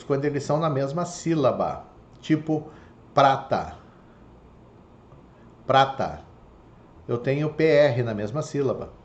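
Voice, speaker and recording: Brazilian male teacher in an echoey room. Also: on the high side. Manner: explanatory, repeats "tá?" and "ok?" to check understanding. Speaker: Portuguese teacher. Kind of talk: online lecture. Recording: echoey room, faint background noise.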